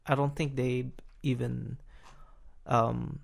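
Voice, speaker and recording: A man with a gravelly, fry-edged voice hosts a laid-back podcast chat. He talks in halting bits, stacking fillers and restarting his sentences, and often chuckles mid-thought. His pitch sits at a middling level. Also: little pitch movement. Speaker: podcast host.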